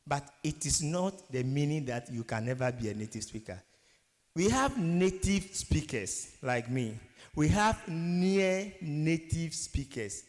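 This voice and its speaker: A Ghanaian guest lecturer in his thirties delivers an emphatic motivational workshop talk in a Ghanaian English accent, peppering the audience with rhetorical questions. His voice is medium-pitched, and a long hall reverb surrounds it.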